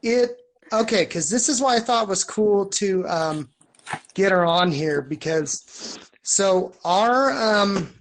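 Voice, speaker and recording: A woman's voice: medium pitch, lively intonation, slow pace, a little hiss or hum. A woman in her thirties co-hosting a casual chat, informal and slangy with a joking streak. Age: 30s. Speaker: podcast co-host.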